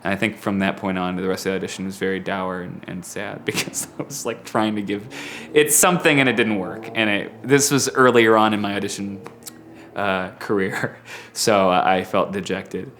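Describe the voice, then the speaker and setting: A man's voice: lowish voice, fairly even intonation, moderate pace, a bit bright, slight background noise. A man, an actor, casually telling anecdotes in an interview in a hesitant, rambling, self-deprecating way.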